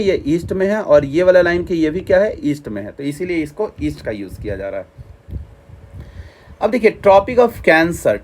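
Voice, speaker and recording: A man's voice: fairly high pitch, a little mellow. A man giving a classroom geography lesson, repeating points and asking and answering his own questions, with English terms mixed in. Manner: repetitive, quizzing, asks and answers himself; mixes English terms into explanations. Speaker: teacher. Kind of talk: classroom lecture.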